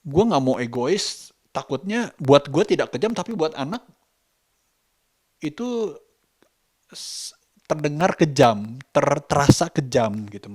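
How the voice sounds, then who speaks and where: A vlogger and parent with a fairly high-pitched voice and a colloquial Jakarta Indonesian accent speaks casually and reflectively to camera, halting and thoughtful as he searches for words.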